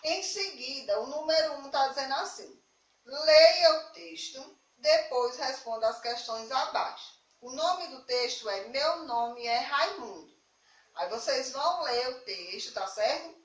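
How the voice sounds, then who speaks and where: Brazilian woman, primary teacher, warm and patient; a little away from the mic. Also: sits high, animated, roomy sound, distant mic, low-quality recording. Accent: Brazilian Portuguese. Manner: affectionate, slow and patient, stresses key words. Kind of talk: recorded remote class for young children.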